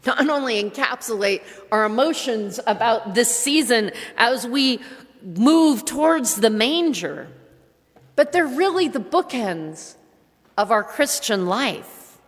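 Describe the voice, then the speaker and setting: A woman pastor giving a sermon, playful and animated, with voiced asides. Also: a little high, takes it slowly. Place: church. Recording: church hall reverb.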